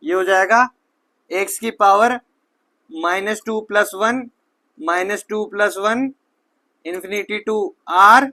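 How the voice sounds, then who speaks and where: A man's voice: high voice, slow, pauses often, bright, forceful tone. A man teaching physics, talking students through each step with rhetorical questions, sometimes correcting himself mid-sentence. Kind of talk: whiteboard physics lecture.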